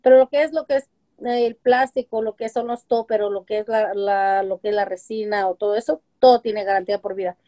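Chatting on a webcam call, a woman with a medium-pitched, warm voice and steady tone speaks fairly quickly. She's a home-business seller giving a casual video-call interview from a room with shelves of colorful containers, and she explains with examples, dropping in fillers like "este" and "eh."

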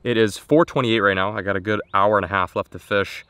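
A man's voice: on the low side, fairly even intonation, a little fast, a bit bright, smooth, no room sound. A young man vlogging to an action camera from a small boat on a lake, upbeat and self-mocking as he thinks aloud. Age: young adult. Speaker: fishing vlogger. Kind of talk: casual vlog to camera.

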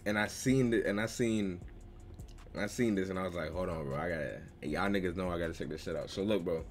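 A young man films casual reaction commentary in his small bedroom, which has a gaming chair, chatting in loose slang with frequent laughter. He speaks a little fast in a low-pitched voice, and faint music plays behind him.

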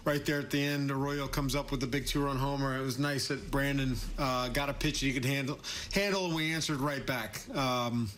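A middle-aged man, a baseball manager, answering postgame questions over a video call, measured and halting, often repeating words. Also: mid-range voice, steady tone, fairly bright tone, slight background noise. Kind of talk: postgame video press conference.

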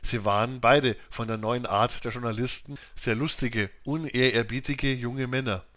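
A man narrates a classic novel as an audiobook. His voice sits at a middling pitch, and he reads in a steady, measured way. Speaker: audiobook reader.

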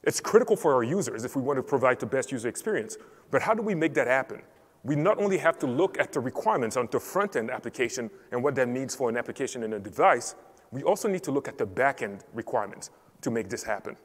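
Man, from Cameroon, conference speaker, clear structured delivery, mid pitch, long hall reverb. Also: animated, fast talker. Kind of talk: technical conference talk. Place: large conference hall stage.

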